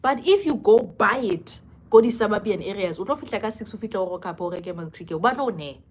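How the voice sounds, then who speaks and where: A woman's voice: medium pitch, quick pace. South African woman in casual live chat. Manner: code-switching between English and South African languages; expressive, conversational. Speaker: livestreamer chatting with commenters.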